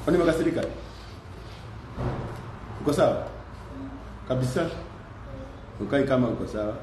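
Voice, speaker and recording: A man's voice: medium pitch, animated, moderate pace. A man, vlogging at a dental clinic, coaxing and encouraging in Swahili-English chat. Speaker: vlogger and father. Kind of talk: casual vlog chat. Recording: echoey room with background noise.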